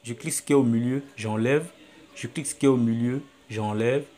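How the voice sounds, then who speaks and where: Here a man walks through editing video in a phone app, narrating every move and saying his actions again as he performs them. His voice sits at medium pitch and sounds steady and warm, and he talks fairly quickly. It's a screen-recorded app tutorial with a repetitive, think-aloud style.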